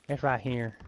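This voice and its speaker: A man's voice: mid-range voice, darkish tone, slight background noise. Young male gamer, crude and easygoing, middle-range voice, headset chat. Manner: crude joking, laid-back, swears a lot. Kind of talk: casual gaming chat.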